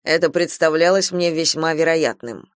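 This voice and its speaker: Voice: mid-range voice, normal speed, dry recording, studio quality, lightly acted. A reader voicing Boldwood, a grave and tormented farmer, speaking tensely in an audiobook. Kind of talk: audiobook character reading.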